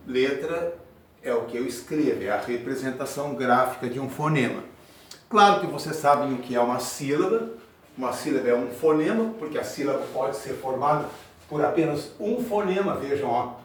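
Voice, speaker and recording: A man teaching a grammar lesson at a board, speaking slowly and repeating each example word. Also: medium pitch, recorded from a distance, slight background noise. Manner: slow, drawn-out, repeats example words. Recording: very echoey room, voice from afar.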